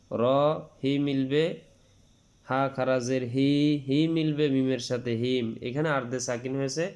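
Smooth-voiced man teaching Quran reading. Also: mid-range voice. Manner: spells each letter and vowel sign, drawing out long vowels in recitation; repeats rules patiently. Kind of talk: spelled-out tajweed lesson.

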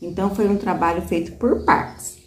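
A woman's voice: on the low side, moderate pace, breathy edge. A woman teacher guiding a child through a reading lesson, patiently coaxing and stretching out syllables. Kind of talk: one-on-one literacy lesson.

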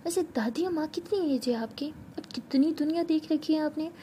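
A cheeky, teasing young woman in a spoken storybook romance, as a woman narrator puts her on. Her voice sits high and mellow over a faint hiss. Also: normal speed, close to an everyday voice. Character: playful teasing young woman, college-age heroine.

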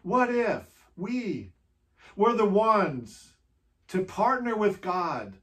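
Gentle and sing-song, a pastor's mid-range voice carries a reflective Holy Week meditation. He uses short phrases, long pauses, and many questions aimed at the listener.

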